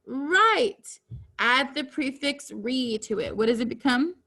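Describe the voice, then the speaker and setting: A woman teacher giving a reading lesson to children, speaking deliberately and enunciating each word clearly. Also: high-pitched, expressive, sharp tone.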